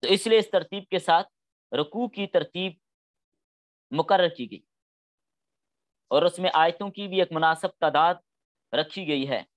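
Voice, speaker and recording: A man's voice: high voice, unhurried, pauses often. Patient male Quran studies lecturer. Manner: patient, explains step by step with spoken examples. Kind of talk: classroom lecture.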